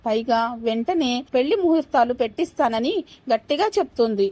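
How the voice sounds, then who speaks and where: A woman's voice: on the high side, expressive, fairly quick, warm tone. A woman voicing an earnest, headstrong young daughter. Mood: pleading. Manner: pleading, earnest.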